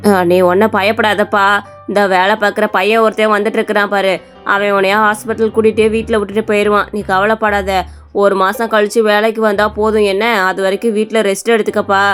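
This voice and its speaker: A woman's voice: mid-range voice, little pitch movement, a little fast, clear, resonant tone, soft background music, natural voice. A woman voicing a stern but kind male quarry boss in a cartoon story, who scolds and then reassures. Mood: reassuring.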